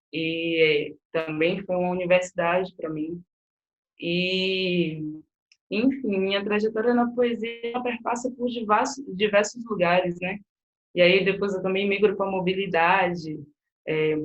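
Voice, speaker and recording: A woman from Salvador, a poet telling her life story in an interview in a reflective, earnest way with frequent fillers. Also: lowish voice. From Salvador, Bahia, Brazil. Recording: slightly dull, lo-fi sound.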